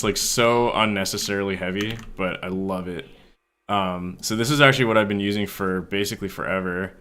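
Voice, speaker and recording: A man's voice: fairly low pitch, fairly bright tone, slight background noise. A young man chatting casually on a live stream while he works on a recording, reading chat aloud and swearing freely.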